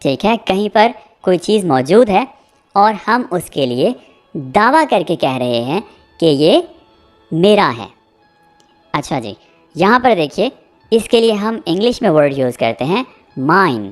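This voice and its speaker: A man teaching a spoken English lesson. He repeats example sentences slowly and checks in often with "theek hai.". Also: high voice, sing-song, soft background music. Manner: explains with frequent "theek hai" check-ins.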